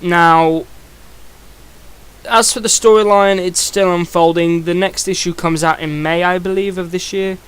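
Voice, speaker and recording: Smooth-voiced young man chatting casually. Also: high voice, steady tone, unhurried, a bit bright. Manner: rambling and chatty, often restarting sentences. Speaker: comic book reviewer. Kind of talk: casual video review.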